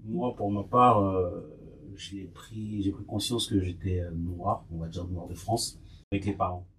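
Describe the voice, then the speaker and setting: A man's voice: low voice, measured pace, fairly bright tone. A man in his thirties from Côte d'Ivoire, a podcast guest, speaking reflectively and repeating himself. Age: 30s. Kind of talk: conversational testimony.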